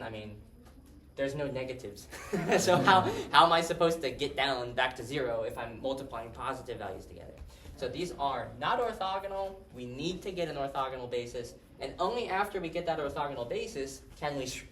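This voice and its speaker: A man's voice: mid-range voice, fairly bright tone. A man giving a math lecture, talking casually and asking his class questions. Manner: conversational, asks the class questions. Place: lecture hall. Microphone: distant room mic. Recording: roomy, distant, faint hiss.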